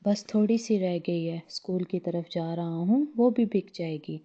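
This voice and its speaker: A woman's voice: on the low side, measured pace, warm tone. A woman voicing a lazy, boastful male drake husband in a slightly dull lo-fi recording. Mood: coaxing.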